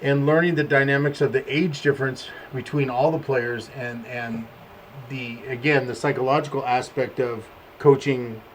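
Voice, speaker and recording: A man's voice: mid-range voice, normal speed, poor audio. Guy hosting a paintball podcast, team owner, tells stories and acts out the dialogue, bit of background hiss. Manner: animated storyteller, acts out quoted exchanges. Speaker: team owner and show host. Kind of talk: casual podcast chat.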